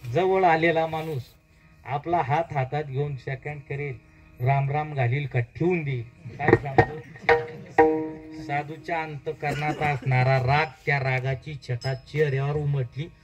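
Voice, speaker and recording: A man with a Marathi accent tells a devotional story as a kirtan preacher, keeping the crowd in it with quick questions. His voice sits a little higher than most men's and jumps up loud and high on key words. Faint music hums underneath. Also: lo-fi sound. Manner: call-and-response questions, dramatic rises in pitch and volume.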